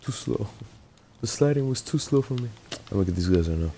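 A man's voice: on the low side, expressive, quick pace, dark tone, a little hiss or hum. A young man casually talking over his online shooter gameplay, rambling and laughing often as he plays. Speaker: gaming YouTuber.

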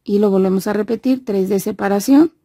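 A woman's voice: mid-range voice, brisk, mellow, dry recording, studio quality. A Mexican woman giving a casual tutorial, with a slight lisp and mouth-full articulation. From Veracruz, Mexico. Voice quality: lisp after molar extraction. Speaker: crochet instructor and host.

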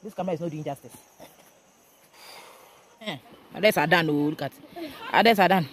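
A young woman with a Ghanaian English accent narrates a casual travel vlog on a hiking trail by a waterfall, filmed with a handheld camera. Her voice is fairly low and brisk, and she sounds out of breath, exclaiming and cheering herself on. There's slight background noise.

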